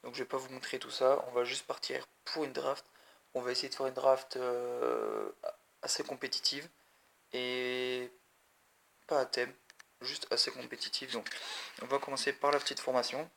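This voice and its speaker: Male gaming vlogger, gravelly and bright, chatty and rambling, talks to camera. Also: mid-range voice, moderate pace. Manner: rambling, chatty, addresses viewers directly. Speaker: mobile gaming video creator. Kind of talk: casual gameplay commentary.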